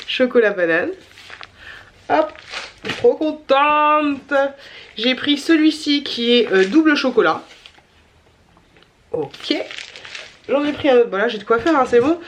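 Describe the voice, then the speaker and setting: A woman's voice: fairly high pitch, animated, unhurried, long pauses. Woman vlogging, nasal stuffed-up voice, tired, rambly with lots of ums, bit of faint noise behind. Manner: chatty, many fillers and repeated words. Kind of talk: casual chatty haul vlog.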